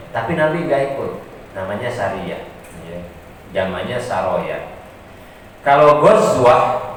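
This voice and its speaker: A man teaches a classical religious text in a mosque hall, working through each term step by step and tossing out rhetorical questions between light humorous asides. His voice comes from well off the mic, and it rings with a long, hollow reverb over a faint hiss. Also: medium pitch. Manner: often punctuates with a short affirming "ya". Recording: echoey hall, distant mic, faint noise.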